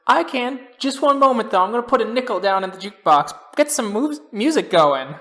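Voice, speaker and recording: A man's voice: very high voice, expressive, fairly quick, fairly bright tone, pitched above the performer's own voice. A man voicing a chatty small-town housewife in a tabletop game. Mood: eager.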